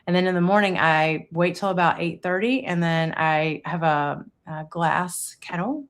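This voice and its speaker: A woman's voice: on the low side, fairly even intonation, unhurried. A woman in her fifties chatting casually as a guest, rambling through her daily routine with lots of fillers. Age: 50s. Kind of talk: casual chat. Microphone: streaming interview setup.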